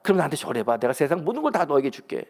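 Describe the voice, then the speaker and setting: A man's voice: on the high side, very animated, rapid-fire, gravelly, heavily acted. A man voicing Satan as a sly tempter who keeps throwing mocking challenges. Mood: taunting. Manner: mocking, repeated needling questions. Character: taunting male Satan tempting, sly and persistent.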